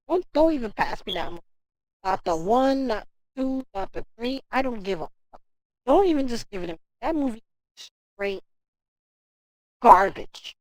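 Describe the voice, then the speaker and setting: A woman's voice: medium pitch, no room sound, low-quality recording. A woman livestreaming from home, ranting in casual talk, swearing and speaking straight to her chat. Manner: animated, profane ranting.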